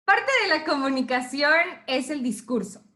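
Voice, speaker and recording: A woman in her thirties speaks to a group of teachers with the lively, expressive manner of a radio announcer. Her voice sits a little high and rings bright. She tells her story with animated, changing emphasis. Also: moderate pace. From Guatemala. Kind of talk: talk to teachers.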